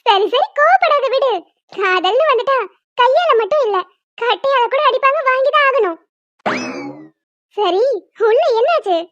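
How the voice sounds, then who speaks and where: A woman voicing a cheeky younger sister who teases in a drawn-out, mocking way in a cartoon. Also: extremely high pitch, animated, fairly bright tone, no echo, full character voice. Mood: teasing. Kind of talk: cartoon voice acting. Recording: dull lo-fi dry recording.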